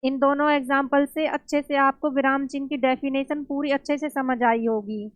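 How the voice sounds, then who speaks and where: High-voiced woman teaching a grammar lesson. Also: steady tone, dry recording. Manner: slow, explains step by step, asks and answers her own questions. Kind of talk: exam-prep grammar lesson.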